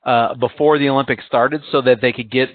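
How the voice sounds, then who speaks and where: A man's voice: mid-range voice, fairly even intonation, a little fast, slight background noise. A man from the United States co-hosting a casual podcast chat, rambling and poking fun at himself, laughing often. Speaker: podcast co-host. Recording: tinny phone-like sound.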